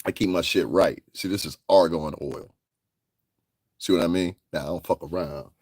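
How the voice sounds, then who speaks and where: A low-voiced, husky man holds forth on a live stream, loud, mocking and quick to laugh. His pitch swings widely as he roasts commenters, and the sound is dry and close. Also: no room sound. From northeastern United States. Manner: brash, mocking, laughs often. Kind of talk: casual live-stream chat answering comments.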